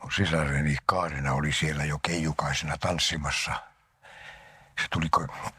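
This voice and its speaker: An older man from Finland, an actor giving an interview, telling anecdotes about his life and often sinking into a breathy half-whisper. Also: extremely low pitch, steady tone, pushed and bright, no echo, studio quality. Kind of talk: reminiscing interview talk.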